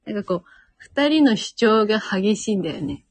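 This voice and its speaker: A woman in her twenties from Miyazaki, Japan, co-hosts a casual chat podcast in her Miyazaki dialect. Her mid-range voice is expressive and moderately paced, and she talks freely with frequent laughter.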